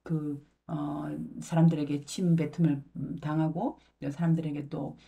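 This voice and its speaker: Lady putting on a scared disciple guy, flustered, denying everything, low mellow tone. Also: level tone, measured pace, gravelly, muffled recording. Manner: flustered, insistent denials. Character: frightened male disciple denying his teacher.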